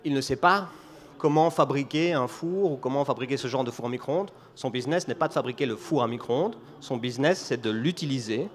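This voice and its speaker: Belgian guy giving a conference talk, medium pitch, tells a story to explain stuff, keeps restarting bits. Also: brisk. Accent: Belgian French. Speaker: conference speaker.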